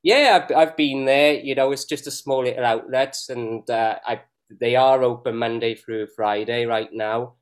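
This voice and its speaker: A man's voice: mid-range voice, fairly even intonation, normal speed, smooth. A man co-hosting a beer review show, chatty and jokey, often laughing. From Wales. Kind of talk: casual banter.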